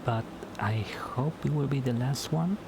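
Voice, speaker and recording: A Spanish-speaking YouTuber talks casually to camera in a solo vlog at home late at night, halting and often repeating words as he restarts sentences. His voice is mid-range and creaky, with background noise.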